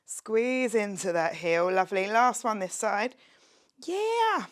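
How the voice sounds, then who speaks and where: A woman's voice: medium pitch, measured pace, smooth. A young woman leading a home workout, upbeat and encouraging, exercising as she talks and sometimes dropping to a whisper. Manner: upbeat, encouraging, chatty with jokes; exercising while talking, drops to a whisper at times. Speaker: fitness instructor. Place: her home, near a street window.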